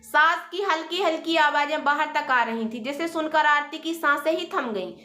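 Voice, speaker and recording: A woman narrating a family drama story in a dramatic, expressive way. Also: sits high, moderate pace, roomy sound.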